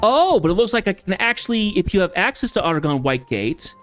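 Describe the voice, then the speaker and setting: A man's voice: high-pitched, sing-song, quick pace, a bit bright, faint music behind. A man streaming a game live, talking casually and rambling with fillers.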